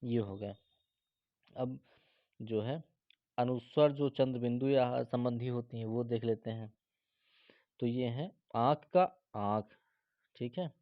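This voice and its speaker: A man's voice: mid-range voice, takes it slowly, pauses often. A male teacher works through spelling drills, saying each word twice and asking his students if they follow. The recording is dull and dry, with no room echo. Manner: reads word pairs aloud, repeats each, adds "ठीक है?". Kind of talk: spelling lesson for exam students.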